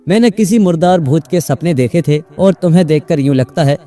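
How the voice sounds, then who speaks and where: A man's voice: fairly high pitch, expressive, mellow, soft background music, close to an everyday voice. A man voicing a playful, mocking female witch spirit in a storybook tale. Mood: teasing.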